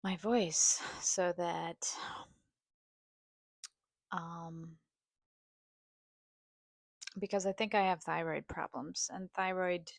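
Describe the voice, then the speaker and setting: Slow-talking woman with vocal fry. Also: on the low side, no echo, studio quality. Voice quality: vocal fry, sometimes scratchy. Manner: halting, hesitant, with pauses. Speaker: video host. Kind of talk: rambling personal vlog, partly reading a study aloud.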